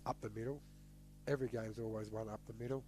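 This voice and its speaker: A man's voice: lowish voice, steady tone, fast, background noise. A man with an Australian accent, co-hosting a casual sports podcast, laid-back but firm in his opinions and often answering briefly. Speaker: podcast co-host.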